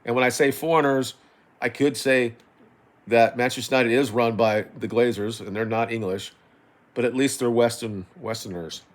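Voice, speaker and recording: A middle-aged man talks off the cuff like an aggrieved football fan. His delivery is rambling and halting, with sentences that double back on themselves. He sounds exasperated and swears as he makes his case. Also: medium pitch, steady tone. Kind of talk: unscripted opinion rant about football.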